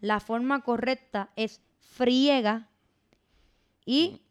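A woman's voice: on the high side, moderate pace, clear, resonant tone. A woman co-hosting an educational podcast. She explains patiently and often acts out people's everyday doubts. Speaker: podcast co-host. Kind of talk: casual educational chat.

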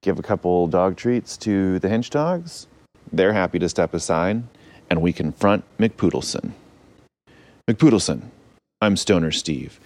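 A man's voice: deep voice, lively intonation, unhurried, a little mellow. A man narrating an improvised audio adventure as a captain, playful with rambling asides.

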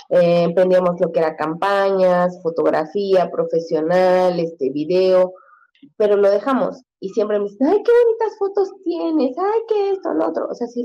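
A woman's voice: lowish voice, creaky, mellow, muffled recording. A woman, a guest in a casual conversation, talking freely with many fillers and acting out quotes in a raised voice. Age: 30s.

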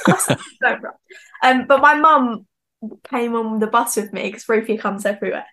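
A woman's voice: on the high side, normal speed, a bit bright. A young woman, a singer-songwriter chatting as an interview guest, giggly and full of "like" fillers. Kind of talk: casual interview chat.

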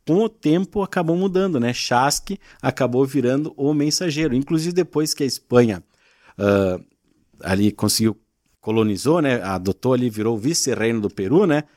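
A podcast guest, a gaúcho culture content creator from southern Brazil, patiently explains regional expressions in a casual chat, often adding tag questions. His mid-range, slightly mellow voice has lively intonation and a normal speed. It's a dry, studio-quality recording.

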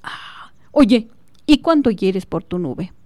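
A woman voicing a friendly, curious young male student who asks soft questions. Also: medium pitch, sing-song, slow, no room sound.

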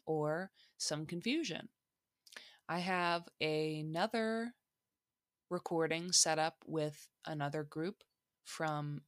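A woman's voice: low-pitched, fairly bright tone, no echo, clean studio sound. A woman hosting her own solo podcast from a back room at home, chatty and playful with jokey asides, in her morning voice. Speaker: podcast host.

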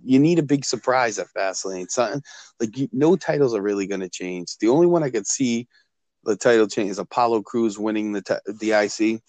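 A man's voice: fairly low pitch, a little fast, darkish tone, no echo. A man chatting casually as a podcast co-host, rambling and restarting his sentences often. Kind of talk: casual chat.

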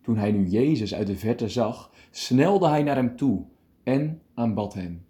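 A male preacher giving a calm radio meditation, reading scripture deliberately and explaining it. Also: medium pitch.

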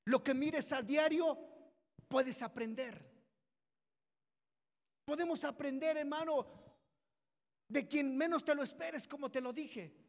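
A man's voice: very high voice, slow pace, pauses often. A man preaching a sermon, retelling Bible stories in a storytelling manner and calling his listeners brothers. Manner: storytelling, repeats "dice que", addresses listeners as brothers. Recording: long reverb of a hall.

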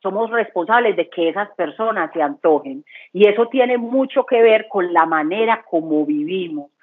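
A woman's voice: mid-range voice, lively intonation, moderate pace, breathy edge. A woman giving an earnest, conversational church testimony, repeating phrases for emphasis. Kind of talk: testimony talk. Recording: tinny phone-line sound.

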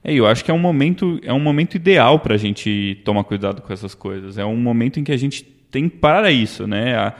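A man's voice: mid-range voice, lively intonation, a little fast, hardly any pauses. A man with a Brazilian accent co-hosting a podcast, talking in a conversational way and often ending his phrases with a tag question. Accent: Brazilian Portuguese. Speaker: podcast co-host. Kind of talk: casual discussion. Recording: long reverb.

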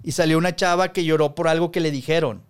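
A Mexican man, likely in his forties, co-hosts a podcast in a casual chat, telling relaxed stories loaded with slang and swearing. His voice is fairly high and smooth, and he talks fast.

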